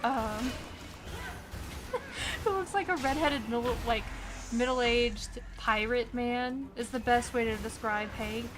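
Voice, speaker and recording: A woman's voice: on the high side, slow. A young woman streaming a game, chatting casually and giggling as she talks to the characters. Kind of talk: casual gameplay commentary. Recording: game sound noise behind.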